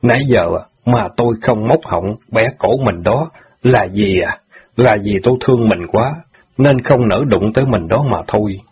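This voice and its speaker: Guy doing a bitter jilted husband in an audio story, low husky voice, dull lo-fi sound. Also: a little mellow. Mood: furious. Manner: reproachful, pleading, quick to anger. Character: bitter grieving ex-bandit husband, middle-aged.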